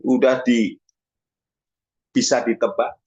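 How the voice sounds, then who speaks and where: A man preaching a sermon, animated and often calling out to his listeners. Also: takes it slowly, highs cut off. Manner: animated, swings pitch up for emphasis, keeps addressing listeners as "brothers".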